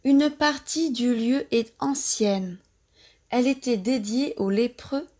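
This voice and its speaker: Narrating a novel for language learners, a French woman with a French accent and a fairly high, slightly mellow voice reads extremely slowly. Each phrase comes out one at a time with careful, deliberate enunciation, suited to pronunciation practice.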